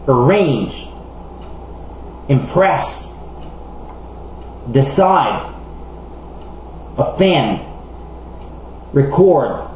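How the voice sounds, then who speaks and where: A man with a Québécois French accent, a native French speaker teaching English pronunciation in a scripted lesson, speaking slowly and carefully. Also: on the high side, warm tone. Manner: slow, careful, enunciating word examples. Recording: very echoey room, faint hum.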